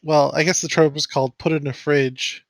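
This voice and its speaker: A man's voice: a little high, steady tone, moderate pace, no echo. A man chatting casually as a player in a tabletop game. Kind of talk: casual chat.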